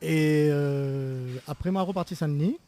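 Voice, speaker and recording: A man from Réunion with a Réunionnais accent, a musician guest chatting casually in a radio interview, relaxed and rambling. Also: on the high side, a little slow.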